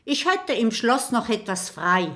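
A woman's voice: a little high, sing-song, unhurried, pushed and bright, exaggerated voice. A woman voicing a moody, theatrical female castle ghost in an audiobook. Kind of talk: audiobook character voice.

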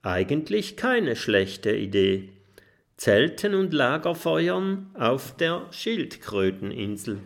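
Man doing a little boy dragon for a kids storybook, eager, bouncy, a bit gravelly. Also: mid-range voice, big pitch swings, slow pace, pitched above the performer's own voice, full character voice. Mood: sulky.

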